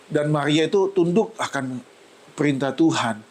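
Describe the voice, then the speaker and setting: A man preaching a heartfelt church sermon, his voice climbing high when he is moved and sounding tearful. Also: moderate pace, rough recording. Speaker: pastor. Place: church service.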